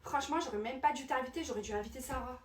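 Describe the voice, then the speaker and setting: A woman's voice: high-pitched, racing, echoey room, recorded from a distance, lightly acted. A woman playing a bossy, touchy teenage girl who scolds her guest indignantly. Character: bossy touchy teen girl hosting a friend.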